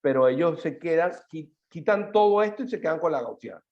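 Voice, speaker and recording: A man speaking at a mathematics seminar, explaining and answering questions in a halting way, with many fillers and restarts. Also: a little high, expressive. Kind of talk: academic talk and answers. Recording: lo-fi video call audio.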